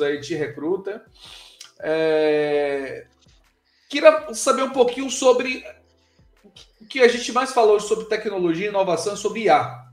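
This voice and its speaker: A higher-pitched man from Bahia hosts a live online chat, speaking. He talks in a relaxed, informal way, with plenty of filler words. His voice carries a noticeable room echo. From Bahia, Brazil. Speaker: live show host. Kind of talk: casual live interview.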